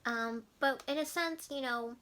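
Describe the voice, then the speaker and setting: A woman's voice: sits high, unhurried, sharp tone. A woman in her twenties chatting casually to camera as a vlogger, rambling with many fillers and restarts. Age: 20s.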